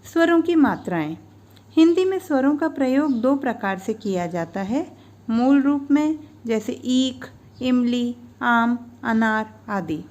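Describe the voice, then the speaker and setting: A woman in her fifties gives a scripted grammar lesson in a slightly high voice. She speaks slowly and spells out each sound and example with deliberate care. The narration runs over lesson slides. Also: lively intonation, a little mellow. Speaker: teacher.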